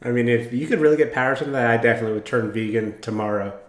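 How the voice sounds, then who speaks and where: A man's voice: medium pitch, level tone, rapid-fire. A man giving casual, slangy running commentary as the host of a reaction video. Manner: informal, slangy exclamations. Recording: roomy echo, show music behind. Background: music from the show being watched.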